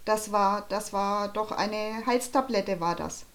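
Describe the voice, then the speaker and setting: A woman's voice: medium pitch, slow, a bit bright. A woman reading an audiobook, voicing a shy, embarrassed young boy who stammers and hesitates. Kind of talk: audiobook character voice.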